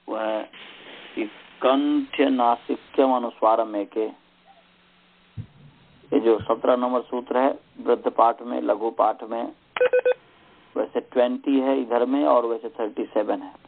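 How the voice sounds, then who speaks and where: Patient male tutor, slow delivery, thin phone-line sound. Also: medium pitch. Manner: slow, patient, repeats sounds to drill pronunciation. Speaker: Sanskrit teacher. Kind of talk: slow online lesson with chanting. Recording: tinny phone-line audio.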